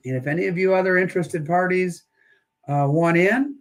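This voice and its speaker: Guy running a home coin auction stream, chatty, jokey, voice a bit on the high side. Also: a little fast. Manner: chatty, joking, calls bids with once-twice counts. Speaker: live auction host. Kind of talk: casual live-stream auction chat.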